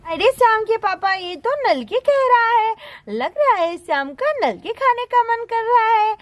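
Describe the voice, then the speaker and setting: A woman's voice: extremely high pitch, big pitch swings, measured pace, no echo, voice pushed up, exaggerated voice. A woman voicing a busy, caring young village mother who fusses over chores and her child in a doll-play story. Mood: coaxing.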